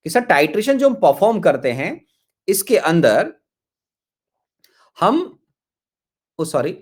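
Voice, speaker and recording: A man's voice: sits high, very animated, takes it slowly, slightly rough. A man teaching chemistry in an online class, coaxing his students, repeating himself and calling them his children.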